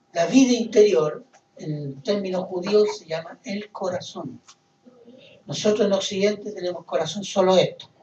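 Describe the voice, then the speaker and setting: A man preaching a sermon, asking rhetorical questions and rising into loud emphasis. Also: high-pitched, echoey room, far from the mic, poor audio. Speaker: pastor.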